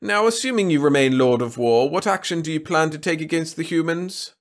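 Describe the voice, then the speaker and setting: Narrator playing a haughty alien emperor, lofty, loud, slow and commanding. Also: male voice, a little high, voice pushed up, natural voice. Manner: haughty, commanding, drawn-out delivery. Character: pompous, imperious male alien emperor.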